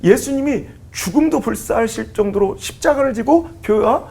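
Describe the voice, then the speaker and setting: Gravelly animated Korean pastor, a man. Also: very high voice, moderate pace. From Chungcheong region, South Korea. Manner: animated, laughing storytelling that acts out quoted lines. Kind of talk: sermon-style talk on a church show.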